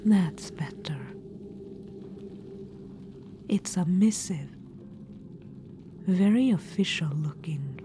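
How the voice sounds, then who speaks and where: In an ASMR roleplay, a woman plays an ancient undead witch-queen, whispering softly and calling the listener darling in a coaxing, slightly condescending way. Her voice sits on the low side and moves slowly, with a sly mood and background noise behind her.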